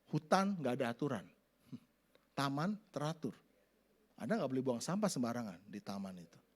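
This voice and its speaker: A middle-aged man preaching a sermon, acting out family scenes in sudden loud voices. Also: medium pitch, moderate pace. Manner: animated, acts out family scenes with shouted voices. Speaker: pastor.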